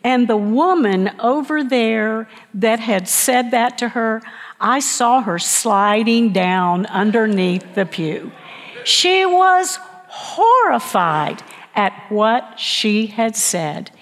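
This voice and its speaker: A woman pastor preaching a sermon, telling stories slowly and emphatically with dramatic pauses. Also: a little high, expressive. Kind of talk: sermon storytelling. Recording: long reverb of a large hall.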